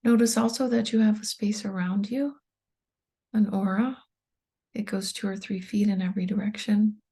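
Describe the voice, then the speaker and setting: Her mid-range voice is breathy and mellow as she leads a meditation, working as both a meditation guide and tapping coach. The delivery stays soft, calm and gently level, barely rising or falling, with leisurely pauses after each brief instruction.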